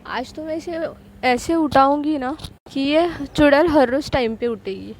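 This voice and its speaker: A woman's voice: high voice, measured pace, pitched above the performer's own voice. A woman playing a mischievous young prankster. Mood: teasing.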